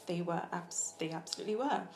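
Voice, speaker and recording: A young Nigerian food vlogger chats casually during a mukbang, eating between lines and saying um a lot. Her voice is lowish and a little mellow, expressive and fast, and the sound is roomy.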